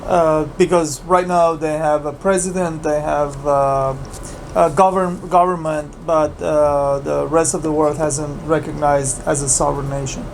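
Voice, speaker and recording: A man co-hosting an informal discussion, speaking in halting, tentative phrases. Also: fairly high pitch, flat delivery, gravelly, slight background noise. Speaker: co-host.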